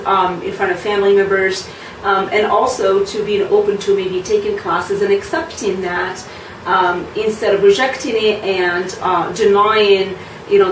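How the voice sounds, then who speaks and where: A woman's voice: medium pitch, far from the mic, slight background noise. Frank, chatty woman in a roomy space. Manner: frank, lively, many ums and you knows. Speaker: belly dance teacher. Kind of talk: casual chat to camera.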